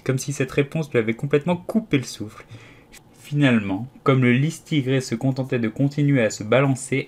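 A man narrating a classic children's story as an audiobook, steady and expressive. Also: mid-range voice. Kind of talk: scripted narration.

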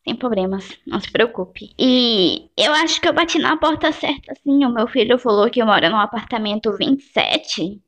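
A woman voicing a gentle, composed middle-aged mother in an amateur voice drama, speaking calmly and softly. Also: on the high side, normal speed, few pauses. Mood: kind. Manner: calm and soft-spoken.

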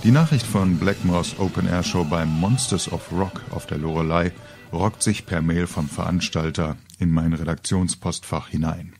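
Soft music plays behind a middle-aged man reading his own comic story aloud as an audiobook. His voice is low and a little mellow, moving at a moderate pace with a wry, colourful storytelling flair.

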